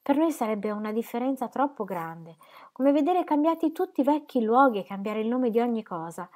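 A woman voicing a sharp-witted, affectionate young woman who teases and speaks warmly, in an audiobook reading. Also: a little high, sing-song, brisk, pitched above the performer's own voice. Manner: teasing, affectionate.

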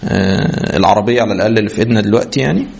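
A man with an Egyptian accent giving a lesson in a halting way, full of fillers and restarts. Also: on the low side, creaky, darkish tone, husky. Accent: Egyptian Arabic. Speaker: teacher. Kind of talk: lecture. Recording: dull lo-fi sound.

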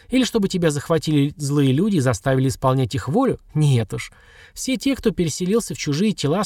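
A woman's voice: low-pitched, a little mellow, no echo, full character voice. A man putting on a shrewd old village witch. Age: older. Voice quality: grumbling, knowing, dry chuckle.

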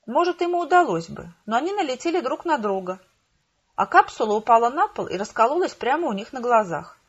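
A woman narrating a first-person audiobook in a steady, expressive storytelling manner. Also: fairly high pitch, brisk, husky. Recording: slightly muffled home recording.

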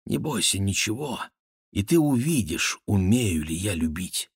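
A man voicing a tender young noblewoman in love, speaking softly and wistfully. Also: on the low side, sing-song, unhurried, husky, no echo, clean studio sound, heavily acted. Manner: soft, wistful, lightly raised voice.

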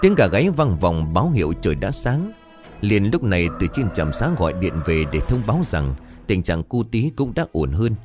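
Brief: male storyteller, low and lively, soft music underneath. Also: moderate pace. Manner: dramatic, expressive storytelling. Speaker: narrator. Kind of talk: scripted horror story narration.

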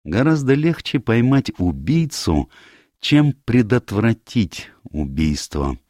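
Fussy little belgian detective, precise and insistent, pitched way up, slow and deliberate, as a man puts him on. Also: sing-song, darkish tone, no echo, studio quality. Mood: commanding. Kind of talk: audiobook character voice.

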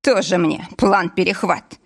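A woman's voice: on the low side, unhurried, creaky. A woman doing a drunk, hiccuping factory boss. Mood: tipsy. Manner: slurred, hiccuping, overly familiar. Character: drunk middle-aged male candy-factory boss.

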